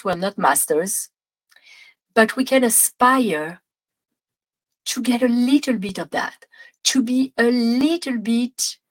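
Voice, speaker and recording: A woman with a French accent hosting an advice podcast, talking gently with restarts, then guiding a slow breathing exercise. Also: mid-range voice, poor audio. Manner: gentle, warm, meandering with restarts. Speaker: podcast host. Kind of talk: casual advice podcast with guided visualization.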